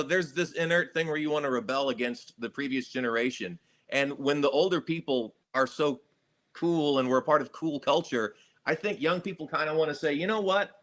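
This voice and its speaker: A man, a guest musician, talking in a relaxed, thoughtful interview and laughing easily. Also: fairly high pitch. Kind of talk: casual interview chat.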